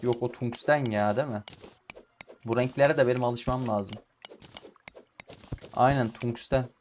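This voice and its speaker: A young man with in-ear headphones, chatting casually as he plays and often swearing or shouting at the game. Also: mid-range voice, fairly even intonation, a little slow, slight background noise. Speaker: gaming YouTuber. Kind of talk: casual let's-play commentary. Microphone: in-ear headphones with mic.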